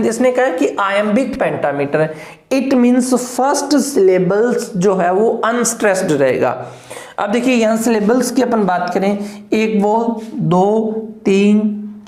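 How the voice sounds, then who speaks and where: Slow-talking woman English teacher, echoey room. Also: medium pitch, a little mellow. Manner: explanatory, asks "clear?" often, counts syllables aloud. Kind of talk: exam-prep lecture in Hindi with English terms.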